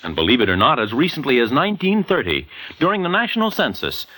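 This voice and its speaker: Talking fast with wildly swooping pitch, a medium-pitched American man hosts vintage radio like a 1940s newsreel announcer, dramatic, emphatic and polished. His bright tone is forceful, and the recording quality is low.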